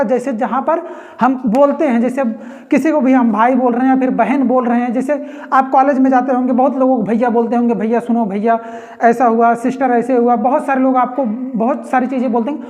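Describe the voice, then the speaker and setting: A woman with a high voice teaches an exam-prep reasoning lesson at a whiteboard. She goes slowly, asks the class questions and answers them herself, and repeats key points. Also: steady tone, darkish tone. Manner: explains slowly with rhetorical questions and repetition.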